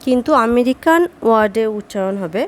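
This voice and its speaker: High-voiced woman teaching English slowly. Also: animated, rough recording. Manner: slow, patient word-by-word drilling. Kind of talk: spoken grammar lesson.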